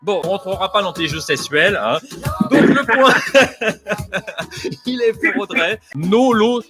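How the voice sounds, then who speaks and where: A man's voice: high voice, slow. A man hosting a playful live blind test show as DJ, joking and teasing his co-host, often laughing and slipping into sing-song. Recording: music playing behind.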